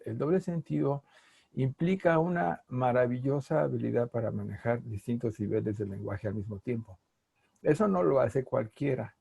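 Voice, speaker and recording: A middle-aged man with a Mexican accent talks through an interview in a playful, animated way. His voice is gravelly and husky, with a dark, mellow tone. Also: mid-range voice, no echo, studio quality. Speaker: linguist guest. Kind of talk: conversational interview.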